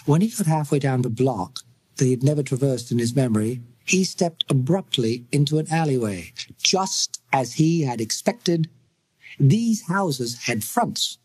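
A British man reading a novel aloud in measured, dramatic storytelling. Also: a little high, a little mellow, husky, dry recording. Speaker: audiobook narrator. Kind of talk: scripted narration.

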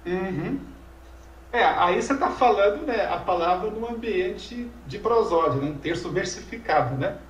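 High-voiced man teaching in an echoey room. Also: lively intonation, measured pace, slight background noise. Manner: explanatory, asks rhetorical questions, tag questions. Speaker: Sanskrit teacher. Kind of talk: informal lecture conversation. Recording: echoey room, voice from far off mic.

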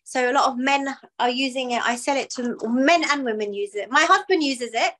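Speaking fairly quickly in a high, slightly bright voice, a small business owner from Pakistan in her thirties talks with a client's ease over a video call from her living room. She's chatty, often saying "you know" and "um."

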